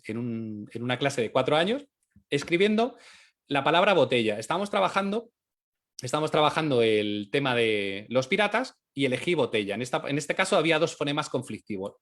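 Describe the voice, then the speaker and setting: A man's voice: mid-range voice, very animated, a little fast, a bit bright. A man from giving an instructional talk as an early-years teacher trainer, explaining step by step and sounding out syllables and phonemes aloud.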